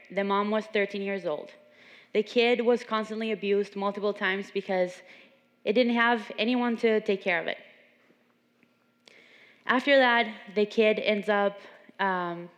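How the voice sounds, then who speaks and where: A young adult woman from Venezuela giving an earnest motivational talk at a seminar, telling stories. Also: medium pitch. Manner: earnest, storytelling. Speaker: seminar speaker. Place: large gym. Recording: long reverb in a gym hall.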